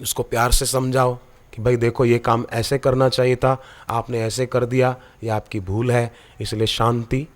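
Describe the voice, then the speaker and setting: A man's voice: mid-range voice, normal speed. A man preaching a devotional sermon, telling stories with animation and putting questions to his listeners. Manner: animated storytelling, questioning the audience.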